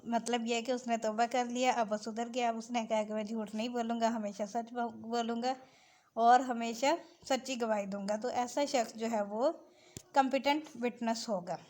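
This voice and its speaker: A law lecturer with a Pakistani accent explains legal text in a lesson, switching between Urdu-Hindi and English and slowing down when reading out clauses. Her voice is on the high side, with fairly even intonation and a darkish tone.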